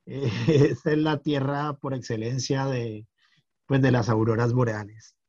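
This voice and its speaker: Middle-aged man, podcast guest, halting delivery, lo-fi recording. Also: medium pitch, fairly even intonation, a little mellow. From Colombia. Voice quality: hesitant, many fillers and restarts. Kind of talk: casual chat.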